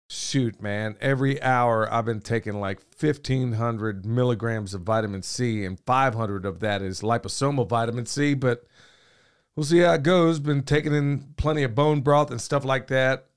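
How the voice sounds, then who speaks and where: Hoarse and clearly losing his voice, this male podcast host keeps talking at a medium pitch in a folksy, rambling style, throwing in "y'all" and gesturing plenty. He's in a small indoor studio, headphones on, speaking into a boom-mounted mic.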